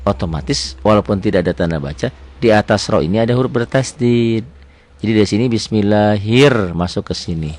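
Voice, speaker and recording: Lowish-voiced man teaching Quran recitation. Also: a little mellow. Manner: chatty, self-assured teaching, slow melodic recitation. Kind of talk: tajwid lesson with recitation.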